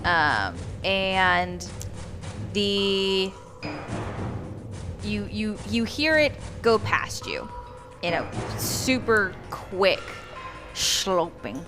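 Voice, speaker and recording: A woman's voice: mid-range voice, very animated, extremely slow, pauses often, over music. A woman acting as game master on a live tabletop stream, narrating with many hesitant ums and turning upbeat as she thanks the audience. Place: community media studio table.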